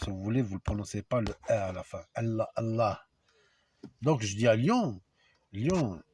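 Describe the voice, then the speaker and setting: A man with a slightly husky voice talks his viewers through a lesson at an unhurried pace. His pitch swings widely as he stresses points and spells out sounds one at a time. He addresses the audience directly, with an emphatic, provoking edge. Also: a little mellow. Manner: spells out letters and sounds slowly. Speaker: video lecturer. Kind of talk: informal explanatory monologue to viewers.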